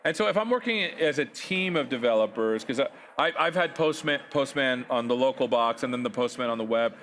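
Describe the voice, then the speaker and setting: A man's voice: medium pitch, lively intonation, a little fast, a bit bright, a little hiss or hum. A man hosting a casual tech interview, chatty and jokey as he asks questions. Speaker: host. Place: conference studio set.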